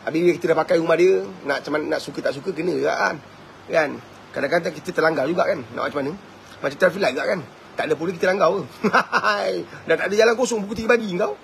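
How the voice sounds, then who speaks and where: A man with a Malaysian Malay accent giving a live-streamed religious talk, animated and chuckling, always asking his listeners whether they agree. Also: fairly high pitch, rapid-fire, creaky, a little hiss or hum. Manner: animated, keeps asking the audience "right?"; chuckles often. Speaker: preacher.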